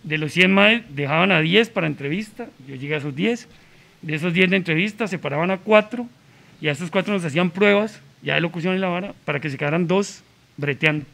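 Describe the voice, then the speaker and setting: A man from Colombia with an accent blended with Costa Rican speech, telling stories as a podcast guest in an animated, slangy way. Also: sits high, quick pace, creaky. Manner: animated, slangy, acts out dialogue. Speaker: podcast guest, radio announcer. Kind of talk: casual storytelling.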